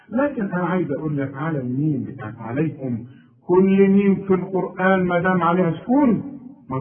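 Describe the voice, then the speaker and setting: A man with an Egyptian Arabic accent teaching a Quran recitation lesson, patiently drilling letters and stretching words slowly to show the rules. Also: fairly high pitch, distant mic. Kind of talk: tajweed lesson. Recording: tinny phone-like audio from afar.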